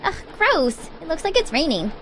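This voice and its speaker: A woman's voice: very high voice, sing-song, moderate pace, exaggerated voice, rough recording. A woman acting a whiny, clueless character who insists on trusting her phone, in a comedy sketch. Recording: loud car and rain noise.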